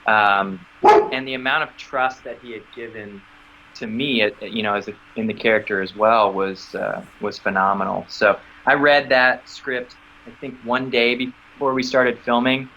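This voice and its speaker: A man's voice: normal speed, slight background noise, poor audio. A man being interviewed about acting work, telling a story in a casual way and acting out the dialogue he quotes. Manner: animated, acts out quoted dialogue with sudden high squeaks. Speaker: actor interview guest.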